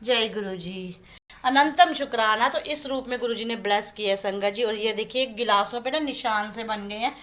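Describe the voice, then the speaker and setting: A woman talks in a devotional vlog, filming on a handheld phone inside a home. Her voice sits high and bright. She speaks warmly and coaxingly, often turning to her viewers. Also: moderate pace. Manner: warm, coaxing, addresses viewers as sangat ji. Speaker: vlogger. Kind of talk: devotional vlog, chatty storytelling. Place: indoors in a home. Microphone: handheld phone camera.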